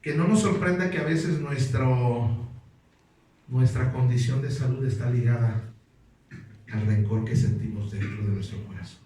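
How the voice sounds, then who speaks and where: A male pastor giving a sermon. He reads scripture slowly and with emphasis, and he asks the congregation questions and waits for their replies. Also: mid-range voice, mellow. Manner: slow, emphatic reading of scripture. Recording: very echoey hall, distant mic, faint noise.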